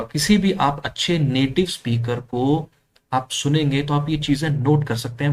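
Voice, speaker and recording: A man whose first language is Punjabi, teaching an English exam class and slowly repeating example words for his students. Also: mid-range voice. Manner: explains step by step, repeats words slowly for practice, mixes English into Hindi. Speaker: IELTS teacher. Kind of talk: online English lesson in Hindi.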